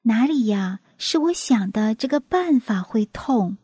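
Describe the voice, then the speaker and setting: Woman doing a brave little flower, soft and earnest. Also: on the high side, animated, unhurried, husky, no room sound, clean studio sound. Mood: gentle. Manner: earnest, pleading. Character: brave, gentle young female flower.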